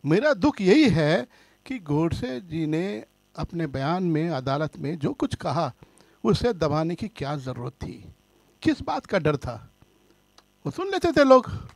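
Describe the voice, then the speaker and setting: A man's voice: on the high side, slow pace, no room sound. A filmmaker speaking earnestly at a press conference, explaining and defending his work. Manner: pleading for calm, then earnest explaining.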